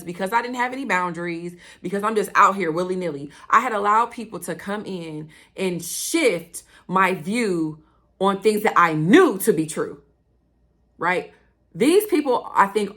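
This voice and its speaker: A woman hosting her own podcast, talking fast and excitedly in a casual, direct way to her listeners and speaking of God. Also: on the low side. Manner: chatty, addresses listeners directly. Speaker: podcast host. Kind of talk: casual solo podcast talk.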